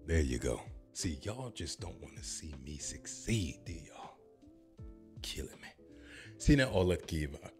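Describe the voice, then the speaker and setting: In a purple-lit home studio, an American man in his thirties from the United States holds a handheld microphone and reacts playfully to a language-learning app with jokes and boasts. His voice sits fairly low and has a breathy edge.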